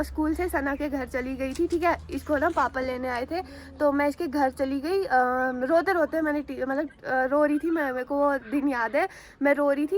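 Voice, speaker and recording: A woman vlogger from Jammu and Kashmir, talking to viewers in a chatty, rambling way and recording herself outdoors on a handheld phone. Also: sits high. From Jammu and Kashmir, India. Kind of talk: casual vlog storytelling to viewers. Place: outdoors on a rooftop and at a school ground.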